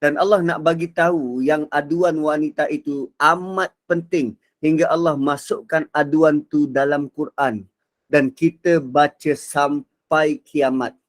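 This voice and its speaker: A man giving a Quran reflection lecture. He is expressive and swings between soft and loud delivery. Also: fairly high pitch, measured pace. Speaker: religious teacher.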